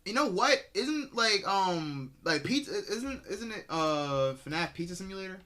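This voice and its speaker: A man with a bright, forceful voice pitched a little high rambles through a casual reaction. He keeps correcting himself, throws in slang and talks straight to his viewers, with keyboard typing heard behind him. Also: sing-song, measured pace. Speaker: streamer reacting to a video.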